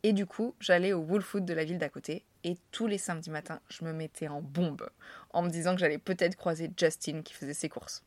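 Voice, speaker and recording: Young Frenchwoman, casual vlogger, self-mocking and slangy, slightly low voice, dry close mic. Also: fairly even intonation, a little fast, a little mellow, no echo. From France. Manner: chatty, self-mocking, slangy, laughs often. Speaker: vlogger telling anecdotes. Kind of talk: casual storytelling to camera.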